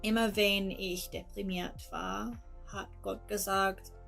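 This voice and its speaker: Recorded as a personal testimony, this Englishwoman in her 20s speaks at a very slow, careful pace with halting pauses. Her gravelly voice stays within a flat, narrow range, and her English carries an accent influenced by her first language. Soft music can be heard faintly behind her.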